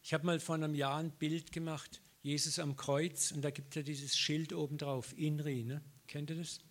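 Telling lively personal anecdotes from the pulpit, a middle-aged preacher acts out conversations and laughs frequently. His voice is a little high and he speaks at a normal speed.

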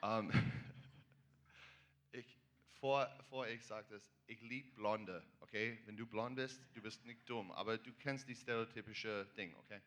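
A male pastor preaching with enthusiasm and telling a joke. He talks haltingly, searching for words and sometimes slipping into English. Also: on the low side, steady tone, a bit bright. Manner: enthusiastic, fervent. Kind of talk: sermon with a joke. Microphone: handheld or stand microphone.

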